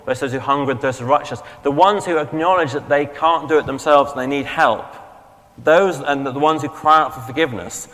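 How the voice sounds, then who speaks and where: A man's voice: medium pitch, fairly bright tone. Man preaching in a reverberant church. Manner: conversational, with frequent fillers and restarts; asks the congregation questions. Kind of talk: sermon.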